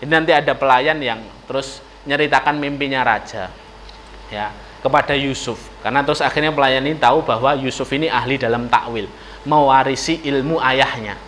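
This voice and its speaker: A man with a Javanese accent giving a lively storytelling sermon in a mosque, often turning to address the ladies in the audience. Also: mid-range voice, fairly quick, a little hiss or hum. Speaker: preacher. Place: mosque hall.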